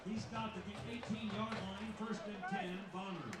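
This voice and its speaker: A man making formal announcements as the stadium announcer, heard over a loudspeaker and repeating each call in a measured way. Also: fairly even intonation. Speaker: stadium public-address announcer. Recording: booming loudspeaker echo from far off, noisy.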